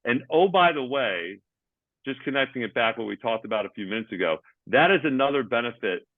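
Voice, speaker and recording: A man's voice: mid-range voice, lively intonation, a little fast, dry recording. Male coach on a video call, plain explainer, thin phone-like sound. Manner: explains jargon in plain terms, uses sports examples. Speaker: ADHD athlete coach. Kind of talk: explaining in conversation. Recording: tinny phone-like line, dry.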